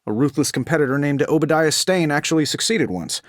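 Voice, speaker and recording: A man's voice: on the high side, lively intonation, fairly quick, dry recording, clean studio sound, natural voice. An American man voicing a cocky, wisecracking genius inventor superhero in a video game, with sardonic, glib banter. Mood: subdued, earnest. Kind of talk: video game voice acting, quippy dialogue.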